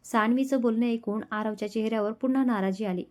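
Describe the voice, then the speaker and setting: A woman storyteller reading a romance story aloud in a gentle, emotional narrating style. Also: on the high side, fast. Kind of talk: scripted narration.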